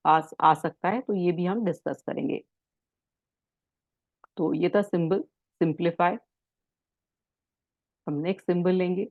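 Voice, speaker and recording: A woman instructor teaching a spiritual symbol course, explaining in Hindi mixed with English and reading English passages slowly. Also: lowish voice, a little mellow, no echo, highs cut off.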